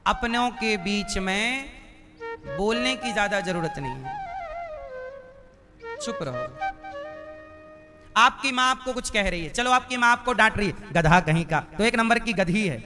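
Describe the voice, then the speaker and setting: High-voiced male preacher, emphatic and repetitive. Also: normal speed, music in the background. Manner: rhetorical questions, prompts the crowd to answer aloud; repetitive, emphatic teaching cadence. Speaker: preacher giving a religious discourse. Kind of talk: live devotional sermon to an audience.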